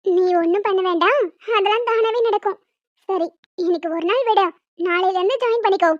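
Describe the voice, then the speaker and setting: A woman voicing a bossy pregnant young cartoon woman, her voice pitched very high and almost childlike as she firmly talks others round. The sound is dull and lo-fi, dry and close. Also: fairly quick, no echo. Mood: persuading. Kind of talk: cartoon dialogue.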